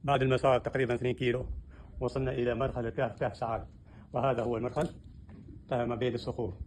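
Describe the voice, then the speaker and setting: A man's voice: mid-range voice, level tone, racing, darkish tone. An Omani man hosting an adventure vlog on location, narrating and asking short interview questions. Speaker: host interviewing participants of an outdoor adventure. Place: outdoors on rocky ground at a cave. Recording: faint outdoor background noise.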